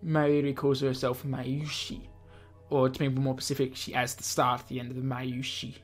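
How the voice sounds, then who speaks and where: With faint music in the background, a let's play host works through a visual novel out loud, fumbling some words and dropping casual quips. The delivery is at normal speed and medium pitch, with little pitch movement.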